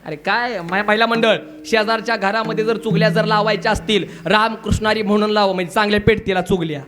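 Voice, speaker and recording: A man's voice: sits high, steady tone, fast talker, fairly bright tone. A man preaching a comic devotional kirtan, calling out to the crowd to answer him back. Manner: calls out to the crowd for responses. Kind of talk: comic devotional sermon with singing.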